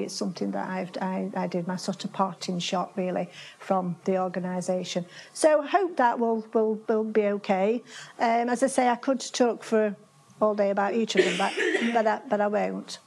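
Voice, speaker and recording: This older conference speaker from Yorkshire, England, presents in a seminar room with a projector screen, chatting along with lots of fillers and restarted phrases. Her mid-range voice has vocal fry, a breathy edge and a slightly mellow sound.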